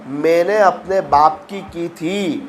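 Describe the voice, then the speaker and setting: Male preacher, storytelling sermon, emotional delivery, slightly high voice, faint background noise. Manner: emotional, acts out quoted voices with rising pitch.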